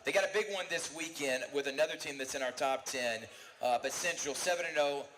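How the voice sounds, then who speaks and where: A man's voice: on the high side, fairly bright tone, slight background noise, poor audio. A man co-hosting a live sports talk show from a bar, rattling off team rankings with enthusiasm. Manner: fast, enthusiastic rundown of rankings. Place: bar and grill.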